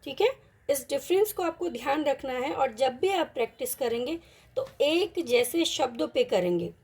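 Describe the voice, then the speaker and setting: A woman teaching an online Hindi lesson, patiently mixing in English words and repeating each example word slowly. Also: high-pitched, lively intonation, a little mellow.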